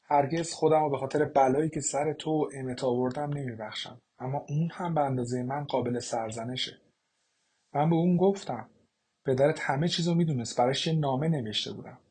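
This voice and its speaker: A man's voice: mid-range voice, darkish tone, breathy edge, lightly acted. A man voicing a bitter, grieving mother.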